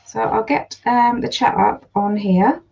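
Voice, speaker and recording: A woman with a Geordie accent, slightly croaky, chatting in a rambling casual way while she irons during a livestream at home, greeting viewers by name. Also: a little high, measured pace, dark tone, lo-fi sound. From North East England. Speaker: livestream host and online seller.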